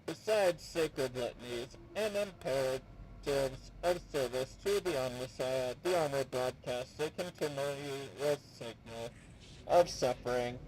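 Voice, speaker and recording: A man voicing a cold robotic machine servitor unit with a metallic, clanging voice and slow, procedural delivery. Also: mid-range voice, darkish tone, slight background noise, lightly acted, low-quality recording. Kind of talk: reading game dialogue aloud.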